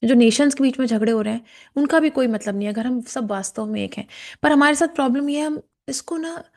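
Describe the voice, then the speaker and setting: A woman leading a guided chakra meditation lesson, speaking slowly and calmly and softly chanting verses. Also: high voice. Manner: slow, calm instruction with softly chanted verses. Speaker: meditation teacher. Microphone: camera and mic.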